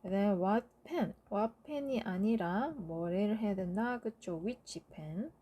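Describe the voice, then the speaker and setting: A woman's voice: mid-range voice, lively intonation, slightly rough, highs cut off. A woman teacher going through English grammar exercises in a lecture, checking understanding with short tag questions. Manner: slow, explanatory, checks with "그쵸?". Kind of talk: lecture explaining grammar answers.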